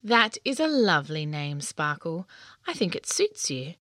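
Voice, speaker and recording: A woman voicing a peaceful, gentle female unicorn in a storybook, speaking calmly and kindly. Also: deep voice, measured pace, no echo, studio quality, heavily acted.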